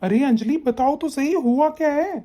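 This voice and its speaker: A woman's voice: high voice, normal speed, dark tone, lightly acted. A woman doing a bewildered young husband. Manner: bewildered, pleading. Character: confused upset young husband. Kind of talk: animated story voice acting. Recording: dull lo-fi sound.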